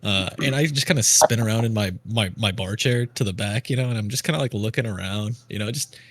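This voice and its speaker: A man's voice: lowish voice, fast, no room sound. A man playing a tabletop game, casually chatting and describing what his character does.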